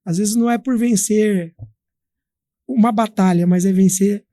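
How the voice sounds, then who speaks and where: A man from Brazil, a guest in an interview, telling a story in a lively, chatty way with many fillers. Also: high voice, measured pace, no echo, clean studio sound. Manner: animated, acts out quoted voices, many fillers. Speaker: guest, company founder.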